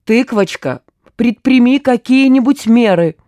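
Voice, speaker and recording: Woman doing a whiny scaredy man, shrill and pleading, mellow dark voice, dry close sound. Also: big pitch swings, normal speed, no echo. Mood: pleading whine. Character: whiny timid grown man, easily frightened. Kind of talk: audiobook character voice.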